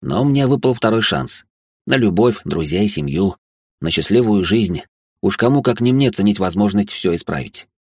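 Guy reading an audiobook in first person, wry chatty tone, low husky voice. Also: lively intonation, normal speed, no room sound, studio quality. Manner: wry, conversational inner monologue. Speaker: audiobook narrator. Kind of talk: first-person novel narration.

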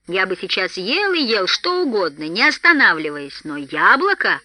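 A woman's voice: medium pitch, sing-song, normal speed, sharp tone, no echo. A woman doing an impatient young dwarf. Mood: grumbling. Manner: impatient, complaining.

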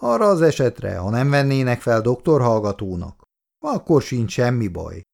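A man's voice: medium pitch, very animated, gravelly, darkish tone. A man voicing a bossy, self-satisfied older family friend in a read-aloud story, talking in a hearty, boastful way.

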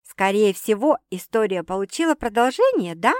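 A woman's voice: mid-range voice, very animated, moderate pace, no echo, studio quality, close to an everyday voice. A woman reading an audiobook voices Sveta, a brash young woman who teases her sister with bawdy, mocking jokes. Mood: teasing.

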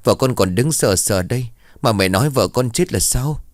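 A man plays a short-tempered middle-aged uncle, sharply scolding in a mid-range voice with lively intonation at a moderate pace. His natural voice is pitched above his own, and the studio sound is clean with no room echo.

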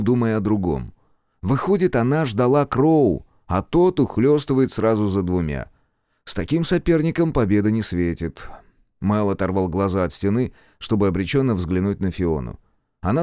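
A man narrating an audiobook with expressive storytelling. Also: on the low side, moderate pace, dry recording, clean studio sound. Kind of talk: scripted narration.

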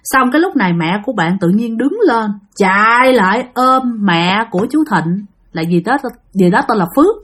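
A woman's voice: medium pitch, animated, normal speed, few pauses, fairly bright tone, slightly rough. A woman, telling a ghost story in a chatty way and speaking directly to her listeners. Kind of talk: spoken ghost story narration.

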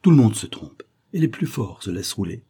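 Male reader as a smooth-talking gentleman buyer, raised lively pitch, husky. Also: fairly quick, full character voice. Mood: effusive. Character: smooth, flattering male aristocratic customer.

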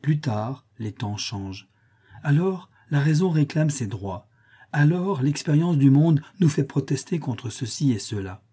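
A man's voice: medium pitch, dark tone, slightly rough. A man voicing a proud Byzantine empress, imperious and reproachful, in a cool, lecturing tone.

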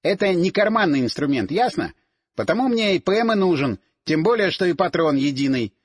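A man's voice: on the high side, very animated, brisk, husky. A man doing a self-assured lecturing young guy. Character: confident young man, lecturing about guns.

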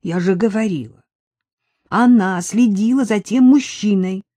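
An audiobook reader voicing a defensive, agitated wife and amateur sleuth in a loud quarrel with her husband. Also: medium pitch, measured pace, no room sound, voice pushed up, close to an everyday voice. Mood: heated. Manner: shouting, agitated. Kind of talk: audiobook character voice.

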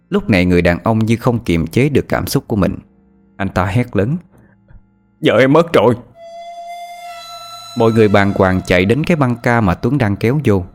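A man narrating an audiobook story in a scripted, expressive storytelling delivery. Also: lowish voice. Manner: expressive, rising and falling delivery.

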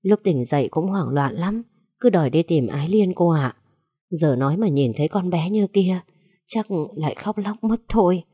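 A woman's voice: on the low side, expressive, normal speed, mellow, slightly rough, no echo, clean studio sound. A woman voicing a grieving, tearful grandmother in a told story. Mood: sorrowful. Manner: weary, sorrowful.

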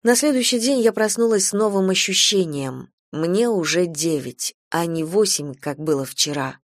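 A woman reading a first-person story as an audiobook narrator, calm and measured, on a close mic. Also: on the low side, no echo.

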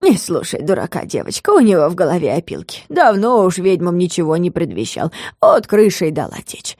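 A woman's voice: fairly low pitch, fairly even intonation, no echo, studio quality, natural voice. A woman voicing a bossy magical bird-woman who scolds and protects the young heroine. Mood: soothing. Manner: sharp, scolding, quick to anger.

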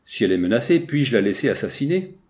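A man's voice: mid-range voice, big pitch swings, fast, darkish tone, close to an everyday voice. A man reading the lines of a frightened young woman in an audiobook, anxious and pleading. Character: frightened young woman, half-asleep mistress.

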